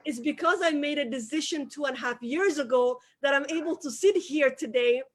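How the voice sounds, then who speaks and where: Speaking fairly quickly in a high voice, this Somali-speaking businesswoman is a guest in an interview with a motivational tone. Her style is forceful, and she hammers her main points by saying them again.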